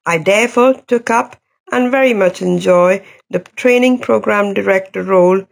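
A middle-aged woman psychiatrist from India, speaking with a Welsh Indian accent, reads her personal story in a measured, even way. Her voice is mid-range, with some vocal fry.

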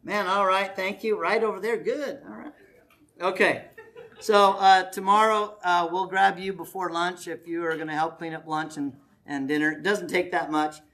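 This man's voice is high-pitched and a bit bright, with fairly even intonation at a normal speed. He's a pastor leading a family camp, preaching and giving announcements in a meeting hall while folksily joking with the crowd to get volunteers.

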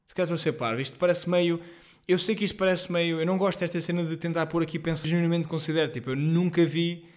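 Chatty young Portuguese podcast host. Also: male voice, on the high side, fast. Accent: European Portuguese. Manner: rambling, self-deprecating, excitable, heavy slang and fillers. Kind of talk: casual solo podcast monologue. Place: at home.

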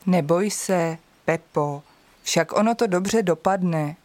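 A woman voicing a kind forest animal who speaks in a calm, reassuring way. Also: fairly high pitch.

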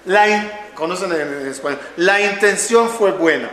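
A man's voice: high-pitched, measured pace, bright, forceful tone. A man teaching a religious class, telling stories and asking questions of the audience. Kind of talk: Torah class to a live audience. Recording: echoey room.

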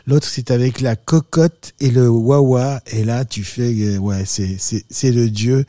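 A man's voice: mid-range voice, measured pace, mellow, no room sound, clean studio sound. A man with a French accent chatting casually as a musician guest, enthusiastic, slangy and rambling. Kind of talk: casual chat.

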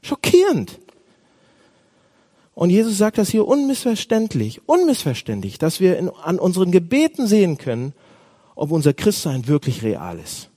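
Pastor guy preaching, mellow kinda husky voice, fairly high, loud then hushed. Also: moderate pace. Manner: animated preaching, swings between loud outbursts and hushed asides. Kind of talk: sermon.

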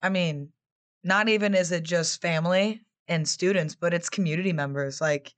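A woman's voice: fairly low pitch, moderate pace. Chatty young woman telling team stories. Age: 20s. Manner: chatty, animated storytelling with quoted voices. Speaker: former player and assistant coach, guest. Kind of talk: casual interview answers.

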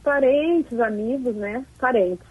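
A woman mayor being interviewed over a crackly phone line, talking haltingly and repeating words. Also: a little high, breathy edge. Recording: tinny breaking-up phone line.

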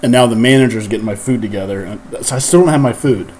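A man's voice: medium pitch, fast, a little mellow, a little hiss or hum. Rambling man telling a story. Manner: rambling, filler-heavy, laughs through the story. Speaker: podcast host. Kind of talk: casual storytelling chat.

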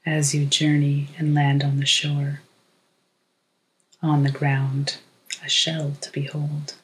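A narrator gives a guided meditation in a hushed, measured voice, reading short poetic phrases with long pauses. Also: medium pitch, completely flat delivery, poor audio.

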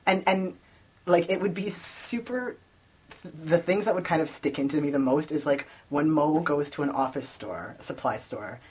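A woman's voice: low voice, moderate pace, a little mellow, husky. A woman chatting casually about a comic series, full of "like" and "kind of". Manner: chatty, says "like" and "kind of" a lot. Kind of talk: casual book discussion.

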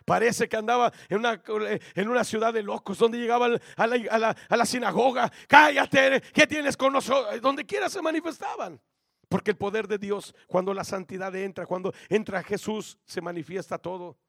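High gravelly guy preaching, yells then goes quiet, calls everyone brother, dry sound. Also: fairly even intonation, brisk, hardly any pauses, dry recording. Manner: preaching with sudden shouted climaxes and drops to low, quiet tones; addresses listeners as hermano. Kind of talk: sermon.

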